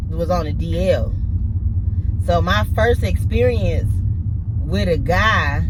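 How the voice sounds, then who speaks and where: A woman's voice: medium pitch, background noise. Candid woman in her forties chatting. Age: 40s. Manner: candid and chatty, full of "like" and "you know what I mean". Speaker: vlogger. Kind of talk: casual chat. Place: parked car at night.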